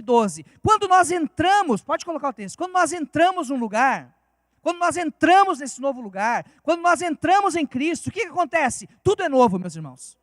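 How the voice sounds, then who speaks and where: A man's voice: very high voice, fairly bright tone, no room sound, clean studio sound. A man with a Brazilian Portuguese accent preaching a fervent sermon in church, with many rhetorical questions.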